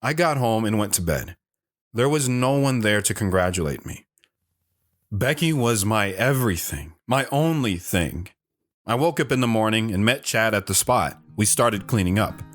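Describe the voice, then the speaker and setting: A lowish, expressive male voice, lightly acted and at normal speed, narrates a dramatic audio piece in the first person. He portrays a sincere lone wanderer in love, recounting his life with wistful, sentimental reflection.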